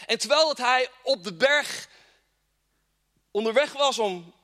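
A man's voice: extremely high pitch, lively intonation, slow pace, bright, forceful tone. A man preaching a fervent sermon in a church and reading scripture with strong emphasis. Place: church hall with congregation. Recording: long reverb of a church hall.

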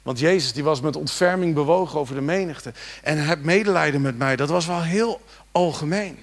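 A man preaching a sermon, moving between quiet reflection and loud, rising exhortation and speaking directly to his congregation with rhetorical questions. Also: on the high side, brisk. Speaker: pastor.

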